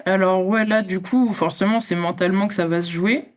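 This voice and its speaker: A woman's voice: mid-range voice, fairly even intonation, a little fast. A young woman from France, a champion athlete speaking as an interview guest, talking in a reflective, casual way with many fillers and restarts.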